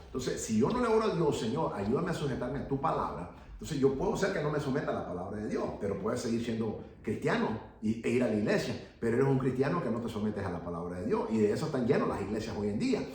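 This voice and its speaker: A man's voice: medium pitch, very animated, fast, hardly any pauses, darkish tone. A man teaching a church Bible class in an earnest preaching tone, often repeating key phrases and checking in with "ok". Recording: echoey room, voice from a distance.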